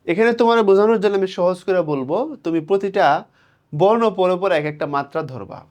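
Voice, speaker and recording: A young man teaching an exam-prep lesson, explaining patiently and counting out syllables slowly. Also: high voice, a little mellow.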